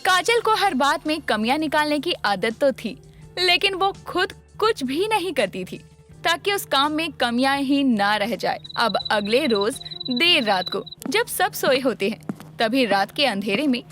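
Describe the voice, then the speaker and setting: A woman narrating an animated moral story in an expressive storybook style. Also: sits high, unhurried, soft background music.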